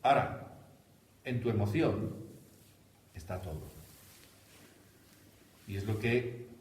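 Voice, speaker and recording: Spanish guy giving a spiritual talk, lowish voice, kinda far off in a roomy hall. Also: slow. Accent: Spanish from Spain. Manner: animated, teasing, laughs at own jokes. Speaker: spiritual teacher. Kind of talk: devotional talk to a group. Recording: echoey room from a distance.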